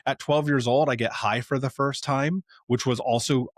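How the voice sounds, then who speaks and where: A man's voice: medium pitch, fairly even intonation, normal speed, dry recording, clean studio sound. A man from the United States, a podcast guest, telling his own life story in a candid, emphatic way, swearing casually and acting out old conversations. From Indianapolis, United States. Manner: blunt and emphatic, swears casually, retells past dialogue.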